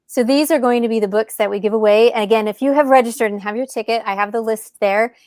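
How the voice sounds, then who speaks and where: A woman's voice: on the high side, fast talker, a little mellow, no echo. Female podcast host, enthusiastic live welcome, dry close recording. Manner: enthusiastic, greets viewers by name. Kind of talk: livestream conference welcome.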